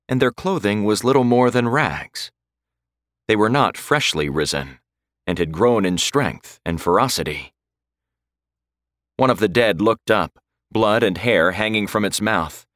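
A man with a lowish voice narrates a horror story in slow, deliberate scripted narration. His pitch rises and falls expressively as he builds the tension. The recording is dry, with no room sound. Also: a bit bright, dry recording.

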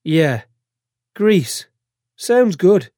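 A man's voice: high-pitched, very animated, extremely slow, warm tone, no room sound, clean studio sound, voice pushed up, full character voice. A man voicing a surly young thug, answering in short blunt lines. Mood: curt. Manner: blunt, curt.

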